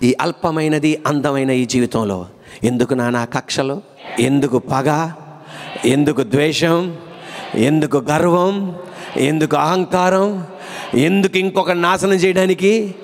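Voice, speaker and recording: A man's voice: fairly high pitch, fairly even intonation, a little slow, pauses often, in a large hall, a little hiss or hum. A male pastor delivering a sermon in a church, repeating rhetorical questions and building to emphatic calls. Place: church hall.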